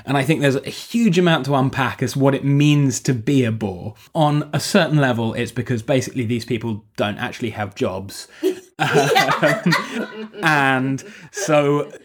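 A man co-hosting a book podcast, relaxed and thoughtful, sharing personal anecdotes. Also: medium pitch, measured pace. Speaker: podcast co-host. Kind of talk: casual book discussion.

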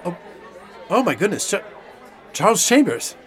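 An actor playing a flamboyant, evasive stage magician who laughs often, in an audio drama. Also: male voice, a little high, big pitch swings, normal speed, crowd noise, background noise. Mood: gleeful.

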